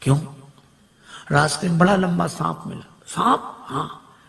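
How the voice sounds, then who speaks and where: A man preaching a storytelling sermon, lively, acting out the voices of the characters in his tales. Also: high-pitched, a little slow, gravelly. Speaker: spiritual preacher. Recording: long hall reverb.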